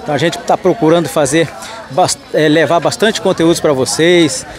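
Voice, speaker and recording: A man's voice: fairly high pitch, normal speed, soft background music, a faint crowd. A man from Mato Grosso do Sul filming a walking tour of an outdoor street market, greeting vendors and thanking his followers. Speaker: market vlogger.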